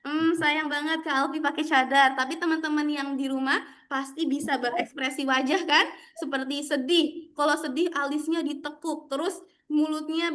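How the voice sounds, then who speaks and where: High-voiced woman teaching kids online. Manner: bright, animated, sing-song talk to children. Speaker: storytelling teacher for children. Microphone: video call.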